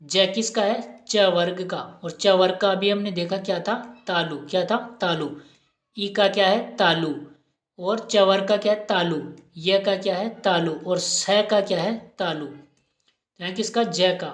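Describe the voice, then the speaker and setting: A woman's voice: medium pitch, measured pace. A woman teacher giving an exam-prep lesson, asking questions and repeating each answer aloud. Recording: roomy echo.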